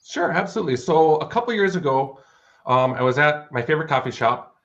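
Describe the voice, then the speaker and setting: An American fantasy author in his thirties, appearing as an interview guest, tells stories in a casual, enthusiastic and wordy way. His voice is on the high side with lively intonation, a little fast and fairly bright, though the recording is muffled.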